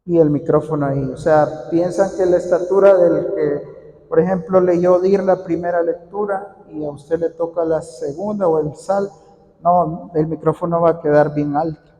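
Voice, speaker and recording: In an echoey hall with long reverb, a man with a highish, warm, steady voice runs a training workshop for church readers. He talks informally at a moderate pace, repeats key points, and takes questions from the room.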